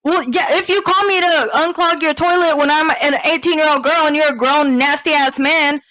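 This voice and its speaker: A woman's voice: high-pitched, steady tone, normal speed, fairly bright tone, dry recording, low-quality recording. Blunt young woman, laughing co-host. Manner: blunt, profane, laughs often. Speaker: podcast co-host. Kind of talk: casual chat.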